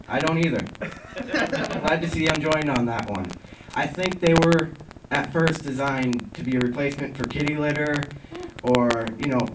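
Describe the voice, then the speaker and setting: A young man performing a stand-up comedy set on a theater stage, talking to the crowd with dry asides. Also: far from the mic. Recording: low-quality echoey theater recording from afar. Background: audience laughter and noise.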